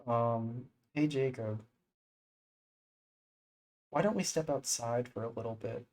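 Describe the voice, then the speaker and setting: A man reading the lines of a soft-spoken, apologetic teenage girl club president aloud. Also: mid-range voice, slow, rough recording. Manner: gentle, apologetic, read aloud from screen.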